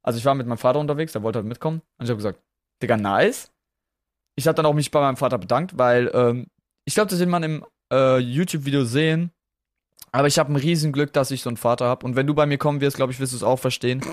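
A young German man co-hosting a podcast in casual chat, excitable and slangy, laughing often and dropping in English words. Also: mid-range voice, racing, no echo, studio quality. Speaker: podcast co-host.

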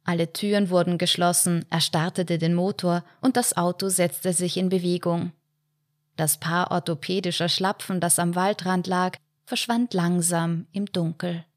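A woman narrating a short story in a measured storytelling way. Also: on the low side, steady tone, dry recording, studio quality. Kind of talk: audiobook short story reading.

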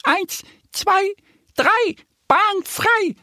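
A man voicing an eager little female duck in a children's audio story, speaking high and bright. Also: expressive, very slow, no echo, studio quality, full character voice. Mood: excited. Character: excited little female duckling, eager helper.

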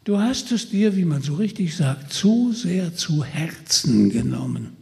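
A man's voice: fairly high pitch, very animated, unhurried, vocal fry, a little mellow, heavily acted. A man voicing a sly, scheming male forest spirit who mocks and persuades, with long reverb around him. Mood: mocking. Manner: mocking, persuasive, jeering.

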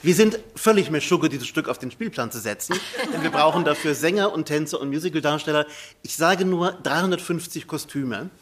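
A man with a husky voice, moderating a conversation in a wry, joking way. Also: fairly high pitch, a little fast, a bit bright, a little hiss or hum. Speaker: interview host, theatre presenter.

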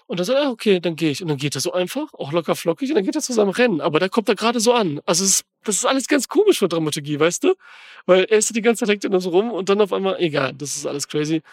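A man's voice: high-pitched, lively intonation, rapid-fire, no echo, studio quality. A man ranting in a casual podcast chat about a film, rambling and slangy with lots of fillers. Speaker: podcast co-host reviewing a film.

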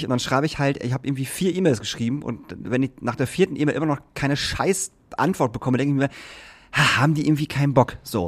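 A man tells a story in an animated way during a casual chat, swearing offhandedly now and then. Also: medium pitch. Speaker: podcast co-host, artist manager.

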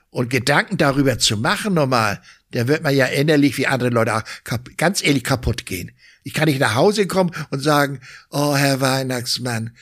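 Give me a man in an interview as Santa Claus, rambling and chatty, at an everyday middle pitch. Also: a bit bright. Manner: rambling, tags sentences with "ne?".

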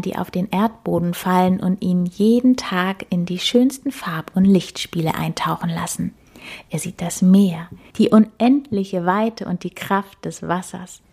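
A woman narrating a children's story in a soft, soothing, half-whispered voice. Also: lowish voice, gravelly, husky.

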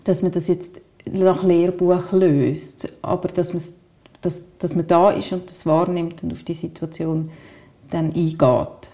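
A woman's voice: lowish voice, flat delivery, measured pace, mellow. A woman with a Swiss German accent, a school counselor co-hosting a podcast, talking in a thoughtful, reflective way and often repeating words while she searches for the right ones. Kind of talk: reflective casual chat.

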